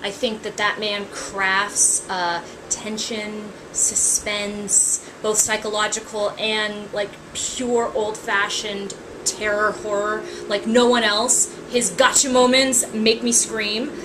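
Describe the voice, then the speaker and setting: A woman's voice: mid-range voice, flat delivery, slow pace, noisy background. A woman in her thirties, an author, talking casually to camera, chatty with frequent ums and wry asides. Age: 30s.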